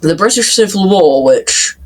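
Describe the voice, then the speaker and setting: Slow halting guy with a high voice, casual commentary, stammers and repeats himself a lot. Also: lively intonation, poor audio. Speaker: reaction commentator.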